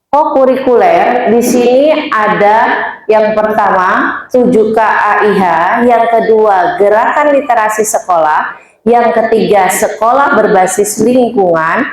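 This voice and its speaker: A woman presenting school programs to her colleagues at a staff meeting, speaking to them directly and going through her points in order. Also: mid-range voice. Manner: addresses colleagues directly, lists items in order. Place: school hall or meeting room. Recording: very echoey room.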